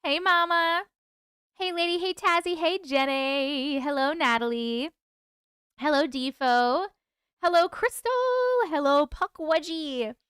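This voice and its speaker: Female livestream host, casual and slow-paced, high voice, chewing gum while she talks to viewers. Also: fairly bright tone, no room sound, clean studio sound. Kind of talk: casual live chat, greeting viewers one by one.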